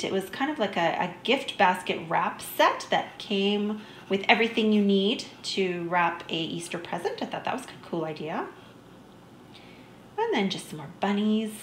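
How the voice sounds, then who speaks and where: A chatty woman vlogger narrates her shopping finds in an easygoing, upbeat way. Her voice sits at a middle pitch. The sound is roomy and echoey, with a faint hum underneath. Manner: chatty, easygoing, enthusiastic about small finds. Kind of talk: shop-with-me voice-over narration.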